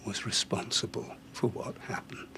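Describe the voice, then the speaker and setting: An actor playing a calm doctor who gently breaks hard news in a TV drama, in a measured, careful way. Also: male voice, noisy background, natural voice. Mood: grave, gentle. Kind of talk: TV soap drama.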